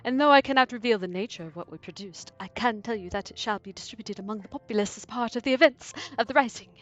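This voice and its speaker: A woman's voice: a little high, fast talker, a bit bright, dull audio, faint music behind, natural voice. A woman reading the lines of a polite, formal male guild clerk. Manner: formal, courteous.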